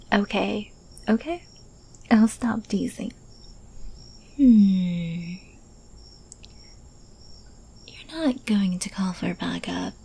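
A woman in an ASMR role-play, playing an obsessively lovestruck thief who teases and coaxes her captive in a breathy, possessive soft voice. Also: medium pitch, full character voice. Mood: teasing, smitten. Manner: slow, breathy, coaxing soft voice with pet names. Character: infamous female thief, obsessively lovestruck, teasing and possessive kidnapper.

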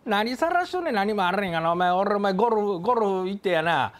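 A man with a Kansai accent playing a loud, bullying middle-aged café customer who blusters and threatens in a comedy sketch. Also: sits high, animated, quick pace. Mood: boastful phone chat. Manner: blustering, threatening, keeps saying "you".

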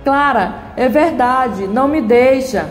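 A woman's voice: high-pitched, slow. A woman reading the lines of an indecisive young groom who pleads with his bride. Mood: pleading. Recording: echoey room, long reverb, faint music.

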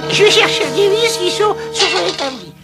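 A small, clumsy male cartoon creature in a high voice. He is hesitant and stammering, yet insistently eager to help and endlessly grateful. Music plays behind the dialogue. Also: lively intonation, moderate pace. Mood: cheerfully helpful. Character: clumsy, eager, overgrateful little blue male Smurf. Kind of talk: French cartoon dub acting.

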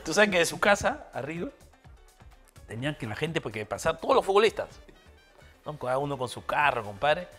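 A man's voice: a little high, fairly quick, pauses often, soft background music. A middle-aged man with a Peruvian accent, a former footballer telling stories in a casual chat and acting out the voices of the people in them. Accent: Peruvian Spanish. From Peru. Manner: animated storyteller who acts out voices and laughs.

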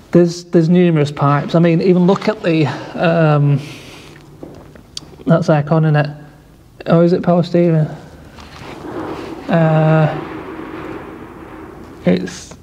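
A man with a fairly high voice talks his way around a wrecked car, rambling, hesitant and restarting his sentences as he goes. He is in a big workshop garage, recorded on a handheld camera, and his voice rings with a long echo. A faint hum of ambience sits underneath. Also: mellow. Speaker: car salvage vlogger. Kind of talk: casual walkaround commentary.

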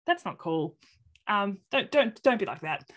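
A woman with an Australian accent giving a webinar presentation over a webcam video call, animated and acting out quoted reactions in different voices. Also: medium pitch, a little slow. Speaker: presenter of an inclusion talk.

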